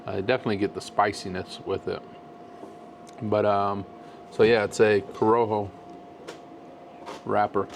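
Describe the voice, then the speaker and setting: A man in a laid-back, halting conversation, giving a casual review as co-host of a cigar show. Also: fairly low pitch, little pitch movement, creaky, slight background noise.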